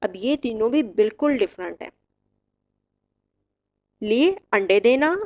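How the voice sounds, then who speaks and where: A woman teaching English verb forms, reciting each word slowly and clearly with short explanations. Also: fairly high pitch, animated, a little mellow. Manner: slow, drilled word-by-word recitation. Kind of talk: vocabulary lesson.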